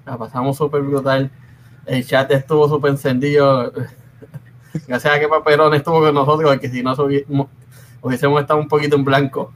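Relaxed podcast host. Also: male voice, medium pitch, fairly quick, a little hiss or hum. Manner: relaxed, laughing, profanity-laced. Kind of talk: casual podcast chat.

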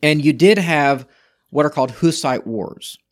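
A man's voice: fairly high pitch, measured pace. A man co-hosting a podcast, reading historical passages aloud and discussing them casually, often restarting his sentences. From Czech Republic. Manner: reads from sources with frequent restarts. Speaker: podcast co-host.

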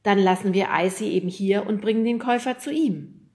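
A woman reading an audiobook, voicing an eager, scheming boy who talks quickly. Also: medium pitch, a little mellow, lightly acted.

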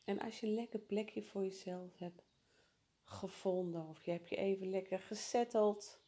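A woman leading a guided breathing exercise in a calm, soothing, unhurried way. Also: medium pitch.

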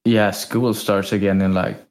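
Low-voiced young man chatting. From Sweden. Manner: relaxed, halting, restarts often. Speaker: podcast co-host. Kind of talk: casual podcast chat. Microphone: podcast microphone.

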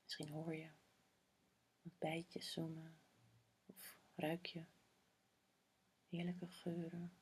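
Woman doing guided meditation, soft whispery spa voice, super breathy, barely moves in pitch, slow w long pauses. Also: monotone.

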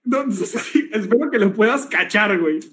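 A man's voice: high voice, expressive, fairly bright tone. A man with a Mexican accent, co-hosting a podcast in slangy, joking chat. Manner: slangy, quick reactions and jokes. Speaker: podcast co-host.

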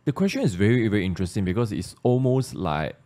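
A Malaysian man with a very low voice hosts a podcast discussion. He speaks in a casual, thoughtful way, circling back and repeating words while he works through an idea. His English carries a clear Malaysian accent. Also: very animated, fast, warm tone. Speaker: podcast host.

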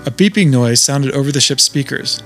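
A man narrating a children's adventure story in a steady, scripted way. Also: mid-range voice, a little fast. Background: music.

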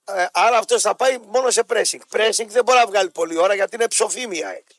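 A man's voice: high-pitched, dry recording. A Greek man co-hosting a casual football talk show. He speaks bluntly and emphatically, argues his picks hard and throws in crude jokes. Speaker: football pundit co-host.

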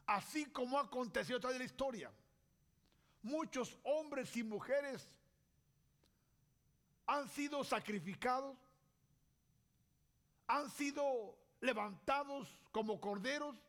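A man preaching a sermon in a slow, deliberate way, pausing often and asking rhetorical questions. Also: extremely high pitch, fairly bright tone.

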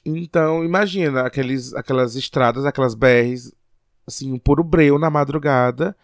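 A man's voice: mid-range voice, normal speed, dry recording, studio quality. Reflective man. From Piauí, Brazil. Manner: reflective, hesitant, thinks aloud. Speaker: podcast co-host. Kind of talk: casual podcast chat.

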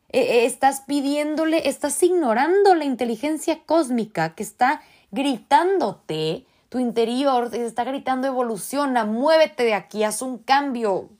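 Impassioned Mexican woman, higher voice. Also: a little mellow. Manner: earnest, impassioned, slangy, many restarts. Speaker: podcast host. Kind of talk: casual motivational talk.

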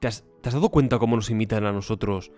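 A man's voice: lowish voice, quick pace, soft background music. A man from Spain with a Spanish accent, co-hosting a casual podcast chat, joking and slipping into mock voices. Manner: jokey, animated, slips into mock voices. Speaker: podcast co-host.

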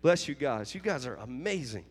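A man's voice: medium pitch, big pitch swings, moderate pace, husky, big-room sound, soft background music. A man pastor preaching a revival sermon in a church sanctuary, fervent, calling out to his congregation for amens. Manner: fervent preaching with call-and-response.

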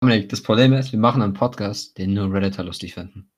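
A young man with a raspy, smoker-like voice, bantering casually as a podcast co-host and slipping English slang into his talk. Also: lowish voice, fast talker, a loud crowd. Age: teenager or young adult.

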